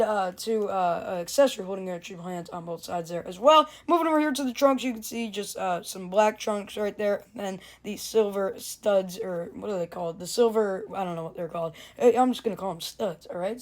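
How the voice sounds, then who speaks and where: A teenage reviewer with a cracking voice, gushing excitedly in a casual toy review vlog and often saying "dude" and "oh my god". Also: medium pitch. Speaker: action figure reviewer.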